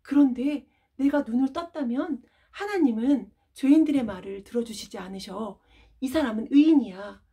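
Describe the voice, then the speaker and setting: A woman playing a joyful once-blind man who bursts out in high, excited exclamations. He sounds bold and thrilled, with a soft, husky edge to a warm tone, told as a bible story for children. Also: normal speed.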